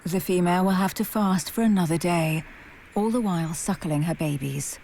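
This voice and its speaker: A woman's voice: on the low side, moderate pace, mellow, slight background noise. A woman reading scripted narration for a wildlife documentary.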